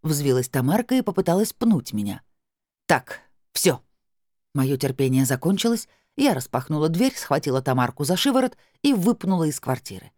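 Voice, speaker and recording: An expressive audiobook narrator telling a first-person story and acting out the dialogue. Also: mid-range voice, fairly quick, hardly any pauses, no echo, clean studio sound.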